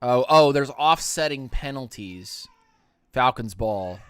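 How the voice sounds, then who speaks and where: A young man hosting a live stream, giving excitable play-by-play commentary as he watches a football game. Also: mid-range voice, slow, clear, resonant tone, dry recording. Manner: excitable play-by-play, rising loud on big plays.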